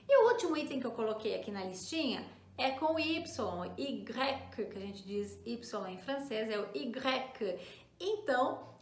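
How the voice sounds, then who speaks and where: A woman with a Brazilian Portuguese accent teaching a language lesson, repeating words slowly and checking in with the viewer often. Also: high-pitched, pushed and bright, roomy sound. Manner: slow, drawn-out repetition of words for practice; frequent tag questions to the viewer. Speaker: French teacher.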